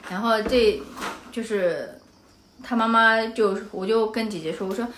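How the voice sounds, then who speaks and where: A woman from Anhui, China, tells a personal story in a casual vlog. Her voice is bright and clear, and she talks in an animated way. She often breaks off with asides to the viewer. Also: medium pitch, a little slow. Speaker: vlogger.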